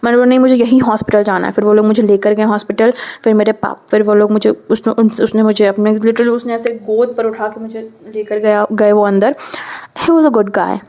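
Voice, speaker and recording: A young woman telling a personal story in a casual, chatty way, switching between languages and often checking in with "okay". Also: moderate pace. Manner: chatty, mixes in English phrases, keeps saying "okay"; animated, with sudden pitch jumps. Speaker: storytime vlogger.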